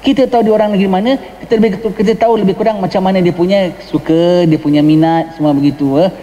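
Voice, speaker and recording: A man's voice: sits high, fairly even intonation, fast talker, mellow, muffled recording. A man with a Johor Malay accent gives a mosque lecture on a religious text, explaining patiently and asking the listeners questions. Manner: explains patiently, mixes in English words, asks the listeners "ha?". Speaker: religious teacher. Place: mosque hall. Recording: long hall reverb.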